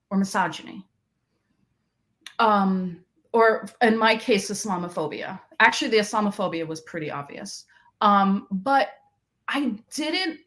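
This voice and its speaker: In a mid-range, slightly bright voice, a woman from Queens, New York, is interviewed on a podcast. A researcher in math education, she relates her story in a reflective manner, often restarting what she's saying.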